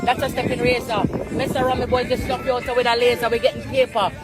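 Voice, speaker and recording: A woman from Jamaica talking playfully and slipping into a quick rap. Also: on the high side, flat delivery. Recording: loud music behind the voice.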